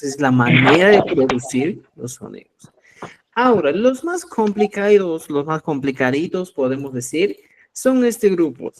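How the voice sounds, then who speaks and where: A man from Cusco with a Peruvian Spanish accent, teaching a live online language class. He explains step by step, demonstrates sounds slowly and keeps checking in with his listeners. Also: on the high side. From Cusco, Peru. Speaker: Quechua teacher.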